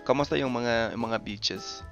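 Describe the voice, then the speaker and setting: Creaky-voiced young man, non-native Tagalog accent. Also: mid-range voice, fairly bright tone, faint music behind. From Canada. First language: English. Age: 20s. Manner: choppy, deliberate phrasing in Tagalog. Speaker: video maker talking with strangers online. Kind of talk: casual chat.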